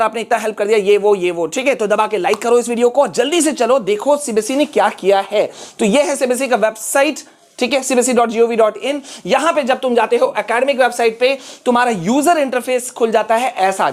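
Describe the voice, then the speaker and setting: Chatty male tutor giving a pep talk. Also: very high-pitched. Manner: chatty, pep-talking, mixes in English phrases. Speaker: online exam-prep teacher. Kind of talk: casual screen-share tutorial.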